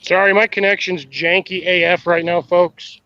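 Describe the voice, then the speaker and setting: A man's voice: high voice, flat delivery, moderate pace, bright, forceful tone, dry recording. A man talking casually on a phone video call from outdoors in a garden, over a choppy bad connection. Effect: choppy bad-connection phone call audio. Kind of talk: casual chat. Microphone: phone held in hand on a video call.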